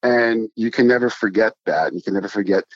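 Earnest low-voiced man, emphatic. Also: a little fast, no room sound, highs cut off. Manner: earnest, emphatic, builds points in lists. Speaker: restaurant co-owner. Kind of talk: interview answers.

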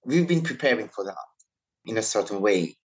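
An Italian man in his thirties, whose first language isn't English and who speaks Italian, French and Mauritian Creole, reflects thoughtfully as a guest in a conversational interview. His lowish voice has lively intonation, a darkish tone and a breathy edge, at a moderate pace.

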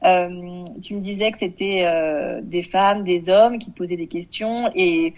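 A woman's voice: fairly low pitch, unhurried, darkish tone. A woman hosting a podcast interview. She talks hesitantly with many fillers, and her voice comes through with a digital echo from a remote recording. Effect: echoey digital voice from remote recording. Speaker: podcast host. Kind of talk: interviewing a guest. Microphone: remote call link. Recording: dull echoey remote recording.

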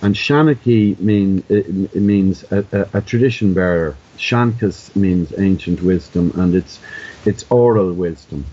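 A man's voice: low voice, measured pace, mellow, lo-fi sound. An Irish man with a storyteller's discursive, thoughtful manner, explaining things conversationally and through anecdote. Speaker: traditional storyteller being interviewed.

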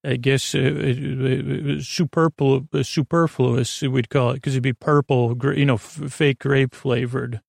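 A man hosts a bedtime podcast, delivering a halting, meandering monologue that keeps wandering into tangents in a creaky, gravelly voice. It's mid-range and a little mellow with fairly even intonation, recorded dry with clean studio sound.

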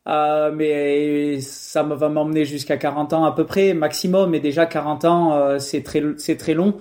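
A man's voice: on the high side, flat delivery, moderate pace, a little mellow. A young man from France answering interview questions in a casual, hesitant way, with many fillers and restarts. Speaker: guest, professional triathlete.

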